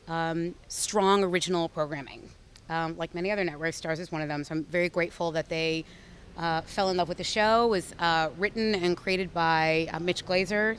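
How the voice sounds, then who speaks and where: Bubbly actress with a smooth voice. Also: female voice, fairly low pitch. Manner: bubbly, effusive, self-correcting. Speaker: actress guest. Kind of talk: casual interview chat.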